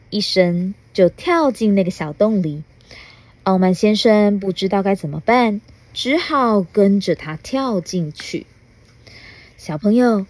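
Mom reading a kids' book real slow and sing-songy, gentle, stops to ask the kid stuff, dry close mic. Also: female voice, medium pitch, no room sound. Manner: slow, gentle, asks the child questions. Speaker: mother reading a picture book. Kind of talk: children's story podcast reading.

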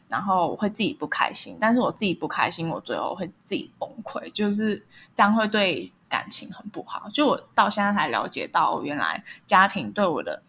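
A woman's voice: on the low side, fairly bright tone, a little hiss or hum. A young woman with a Taiwanese Mandarin accent, frankly telling personal stories as a podcast guest. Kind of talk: casual personal storytelling.

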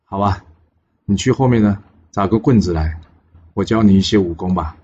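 A man voicing a calm, wise old male immortal master who gives instructions to his pupil. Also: low voice, normal speed, slightly rough. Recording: dull lo-fi with faint hiss.

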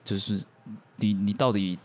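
A man playing a grumpy young male college student in a fast, indignant rant. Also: on the low side, fairly even intonation.

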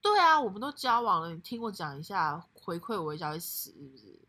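Young woman, casual podcast chat, animated exclamations, bright breathy voice. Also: a little fast. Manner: animated, bursts into high laughing exclamations. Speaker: podcast co-host.

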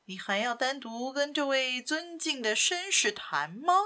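A woman voicing a suave gentleman thief in a storybook reading, speaking with cool sarcasm. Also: fairly high pitch, sing-song, slow, heavily acted. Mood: mocking. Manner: sarcastic, coolly teasing. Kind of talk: audiobook character voice.

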